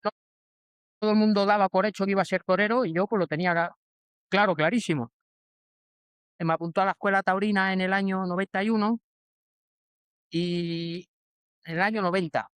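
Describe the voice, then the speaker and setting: A Spanish man in his forties speaks as an interview guest, his voice smooth and resonant and pitched a little high. He talks hesitantly, with many restarts and fillers. The sound is close and dry. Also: fairly even intonation, brisk, pauses often, fairly bright tone, no room sound. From Spain. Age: 40s. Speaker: bullfighter guest. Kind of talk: casual interview answers.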